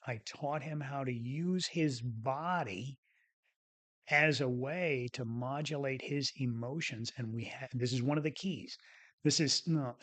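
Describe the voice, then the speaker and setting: A man who left medicine and now hosts a show, telling a story from his clinic in a folksy way and acting out both sides of the conversation. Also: medium pitch. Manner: folksy, re-enacts dialogue with lively voiced quotes. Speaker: former physician turned coach and show host. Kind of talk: storytelling talk.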